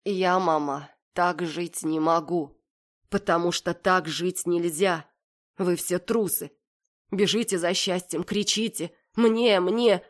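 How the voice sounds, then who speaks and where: A woman voicing a stubborn young girl who speaks in a flat, indifferent monotone. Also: lowish voice, slow.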